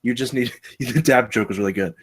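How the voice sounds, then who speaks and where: A husky, medium-pitched man talks briskly while giving casual feedback on a script at a table read. He is chatty and rambling, frequently cutting himself off.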